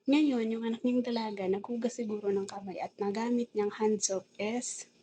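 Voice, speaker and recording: A woman's voice: fairly high pitch, fairly even intonation, normal speed, dark tone, slight background noise, low-quality recording. A woman with a Filipino accent telling a rambling, aggrieved story in a casual vlog, mixing English words into her talk. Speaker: domestic helper vlogger.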